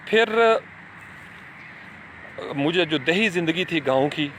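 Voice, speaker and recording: Middle-aged guy telling old village stories, earnest, bit high voice, faint outdoor noise. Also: expressive, a bit bright. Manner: earnest, slips in English words, addresses listeners directly. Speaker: speaker. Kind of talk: reflective storytelling talk.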